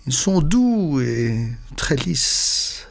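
A man voicing an eager, smitten suitor, short breathy replies. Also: on the high side, sing-song, drawn-out words, full character voice.

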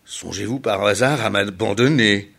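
A man's voice: lowish voice, normal speed, vocal fry, a bit bright. A man voicing an old, grumpy female tortoise in a storybook tale, complaining indignantly.

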